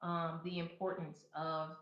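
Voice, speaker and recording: A woman in her thirties talks through money tips in a loose, chatty way, full of little restarts, and leans in hard when she makes a point. Her lowish voice has a bright, forceful edge. The room echoes and the sound is a bit dull. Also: level tone, measured pace. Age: 30s. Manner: chatty, with many fillers and restarts, turning emphatic when giving advice. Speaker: podcast host. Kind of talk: casual advice monologue.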